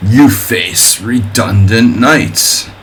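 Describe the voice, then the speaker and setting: During a live-streamed simul, a lowish-voiced man talks extremely slowly, announcing chess moves and thinking out loud. Between moves he chats with viewers in a wry, offhand way full of jokes and wordplay. The audio is poor, with faint music behind him.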